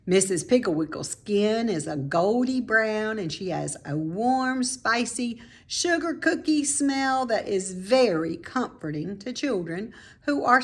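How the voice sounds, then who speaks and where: A woman who reads storybooks and teaches reads a children's story aloud at a leisurely pace. Her mid-pitched voice rises and falls in a lively way, and she phrases each idea deliberately and expressively for young listeners.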